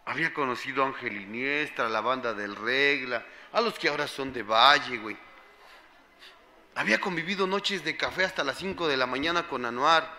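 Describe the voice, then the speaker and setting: A man's voice: medium pitch, lively intonation, moderate pace, sharp tone. A middle-aged man with a Mexican accent giving a raw, impassioned personal testimony to a support group, full of slang and swearing. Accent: Mexican Spanish.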